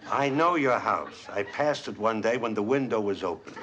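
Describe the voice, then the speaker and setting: An actor playing a weary, sarcastic police detective in a 1970s sitcom. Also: male voice, fairly low pitch, lively intonation, moderate pace, close to an everyday voice. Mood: dry. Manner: dry sarcastic. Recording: hissy 1970s TV with laugh track.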